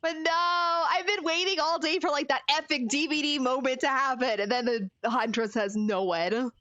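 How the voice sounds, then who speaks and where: A woman's voice: high-pitched, moderate pace, pushed and bright, no echo, muffled recording. A woman streaming a game, chatting casually with viewers and reacting expressively, swinging between frustrated cries and laughs. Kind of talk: casual gaming commentary.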